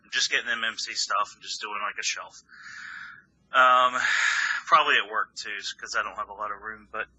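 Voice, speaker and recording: A man's voice: lowish voice, fairly even intonation, fairly quick, bright, forceful tone, husky, lo-fi sound. A man co-hosting a casual podcast chat who rambles, swears freely and trails off mid-sentence. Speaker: podcast co-host.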